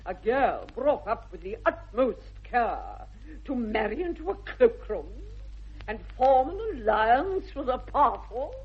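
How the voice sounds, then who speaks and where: A woman's voice: fairly high pitch, husky. An actress playing a formidable, snobbish older aristocratic lady with an upper-class English accent in a British radio comedy of the 1960s, haughty and theatrical. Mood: imperious, indignant. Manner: imperious, haughty, theatrical swooping delivery. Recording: dull vintage radio recording.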